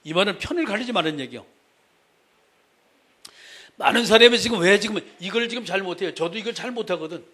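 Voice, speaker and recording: A man's voice: high-pitched, fast talker, long pauses, pushed and bright. A male pastor preaching a sermon in a conversational way, speaking straight to the congregation and repeating his key phrases for emphasis.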